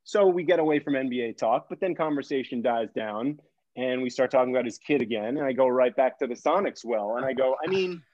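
A man on a podcast telling a story in an animated, casual way, saying "like" a lot and acting out the voices. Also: mid-range voice, fairly quick, no room sound, highs cut off. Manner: excitable, heavy use of "like", acts out voices.

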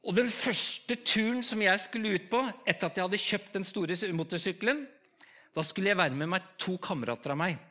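A man's voice: sits high, sharp tone. A man with an Eastern Norwegian accent preaching a story-driven sermon, talking conversationally and putting direct questions to his audience.

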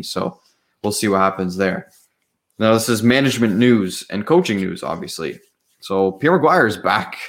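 A man's voice: deep voice, a bit bright. A young man co-hosting a podcast, introducing topics in casual chat and laughing easily. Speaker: podcast co-host.

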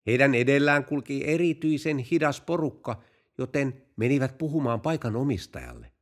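A man's voice: mid-range voice, sing-song. A man hosting a podcast and telling jokes, narrating in a playful, storytelling way. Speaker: podcast host.

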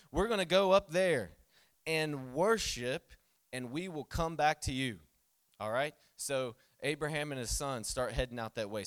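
A man in his thirties gives a casual, animated sermon with a lilt. His voice sits at an ordinary middle pitch and sounds close and dry. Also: smooth, no room sound. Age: 30s. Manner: animated, conversational preaching with jokes and asides. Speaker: pastor.

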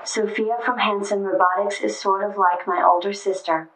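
A synthetic female voice of a humanoid robot, giving even, scripted answers. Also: medium pitch, moderate pace, distant mic, slight background noise. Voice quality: synthetic text-to-speech voice. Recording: roomy echo.

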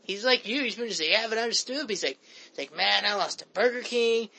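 High-voiced man rambling casually. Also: fast talker, vocal fry, sharp tone, rough recording. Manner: rambling, stammering restarts, laughs. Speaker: host. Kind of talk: casual chat.

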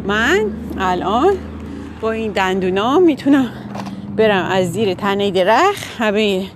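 A woman casually telling a children's story, pausing to explain animal names in English. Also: mid-range voice, lively intonation, background noise. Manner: casual, informal, with fillers and self-corrections.

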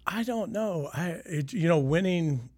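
A man in his sixties, a retired county sheriff from Sioux City, Iowa, looks back on old times as a guest in a casual interview, easygoing and trailing off with fillers. His voice sits on the high side with lively intonation, a little slow and mellow, with no echo.

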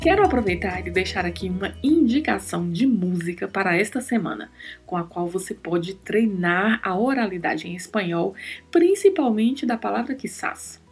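A woman's voice: medium pitch, expressive, moderate pace, darkish tone, faint music behind. A woman hosting a podcast, teaching Spanish in a careful, scripted lesson and spelling out words and sounds. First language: Portuguese.

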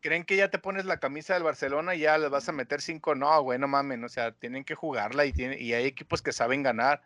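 A man's voice: medium pitch, steady tone, fast, a bit bright, dry recording. A man with a Mexican accent hosting a podcast in casual, slangy banter. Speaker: podcast host.

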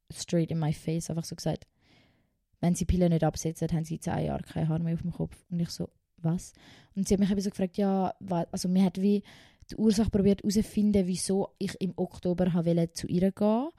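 A woman's voice: fairly low pitch, little pitch movement, a little fast, mellow, no room sound, clean studio sound. A young woman from Switzerland with a Swiss German accent, casually telling a personal story in a vlog, emotional and chatty, swearing now and then and dropping in English phrases. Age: young adult. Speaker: vlogger.

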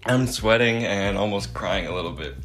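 An easygoing man talks casually while sampling hot peppers, calmly explaining their heat ratings. Faint music sits behind his voice. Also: on the low side, roomy sound. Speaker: vlog co-host.

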